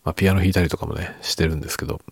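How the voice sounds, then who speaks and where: For a late-night, sleep-oriented chat, a middle-aged podcast and ASMR creator murmurs casually in an extremely deep voice with gravelly fry, husky and low, often thinning to a whisper as sentences trail off. He's unhurried and soft, with fairly even intonation. The recording is dry and close, with no echo.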